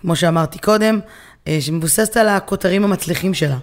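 A woman with an Israeli accent co-hosting a casual discussion, often pausing to search for her words. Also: fairly low pitch. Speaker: podcast co-host.

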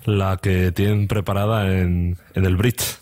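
A man's voice: sits low, flat delivery, darkish tone. A man co-hosting a casual football podcast, rattling off transfer figures. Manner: fact-heavy, quick with transfer figures. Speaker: podcast co-host.

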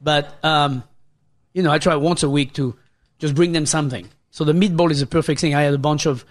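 A man's voice: a little high, fairly even intonation, fairly quick. A man in his fifties with a French accent, a chef co-hosting a casual radio chat, explaining dishes step by step with many restarts. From France.

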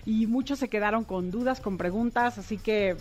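A middle-aged woman, a psychotherapist guest explaining ideas in a warm, expressive way. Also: on the high side, moderate pace, faint music behind. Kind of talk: casual interview chat.

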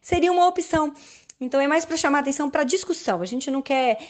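A woman doctor, explaining her work in a measured way with frequent fillers. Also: sits high. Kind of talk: explaining to an interviewer.

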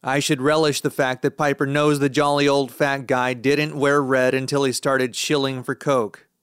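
A man's voice: mid-range voice, a bit bright, smooth, no echo, studio quality. A man reading a first-person novel aloud in a wry, sardonic tone. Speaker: audiobook narrator. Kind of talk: first-person scripted narration.

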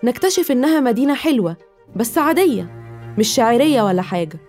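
A woman podcast host speaks with an Egyptian Arabic accent at a quick pace. Her tone is on the dark, soft side, and faint music plays behind her. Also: on the high side, sing-song. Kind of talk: scripted podcast introduction and interview.

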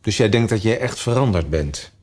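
A man's voice: lowish voice, expressive, normal speed, darkish tone. A man voicing a listless, sleepy male caterpillar who answers curtly and sneers in a storybook reading.

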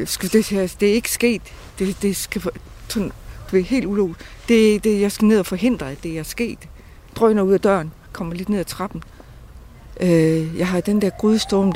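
High-voiced man, halting testimony. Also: a little mellow, slight background noise. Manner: halting, repeats words, many restarts. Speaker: interviewee. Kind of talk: personal testimony.

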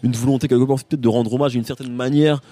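Male music interviewer, fast and mellow, rambling friendly questions. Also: medium pitch, fairly even intonation, a little hiss or hum. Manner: long winding questions with fillers. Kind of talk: casual interview chat.

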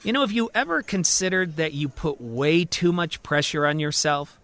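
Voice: medium pitch, animated, normal speed, fairly bright tone. A man voicing Jordan, a teasing, nosy best friend who prods about dating, in a one-man audio story.

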